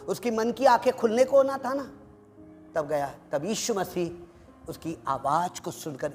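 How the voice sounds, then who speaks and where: A high-voiced man preaches with fervent energy. He swings from loud, pleading calls down to low, intense asides, and he drops English phrases into his preaching. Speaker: pastor. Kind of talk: fervent sermon.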